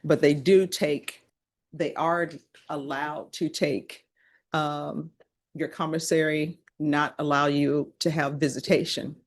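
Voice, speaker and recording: A woman judge with a fairly low voice presides in a courtroom. She rattles through formal legal questions and admonishments in a practiced, businesslike way. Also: steady tone. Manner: formal, brisk legal recitation. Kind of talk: courtroom proceedings.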